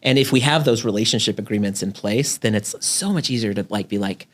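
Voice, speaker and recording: A man's voice: on the low side, brisk. A man who works as a therapist, talking through relationship problems in a casual interview and peppering his speech with "like" and "right?". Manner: chatty, fills with "like" and "right?".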